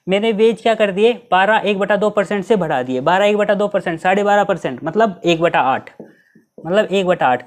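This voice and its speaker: A male teacher giving an exam-prep math lesson, explaining each step and asking his students rhetorical questions. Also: high voice. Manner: reads English questions slowly, mixing Hindi and English.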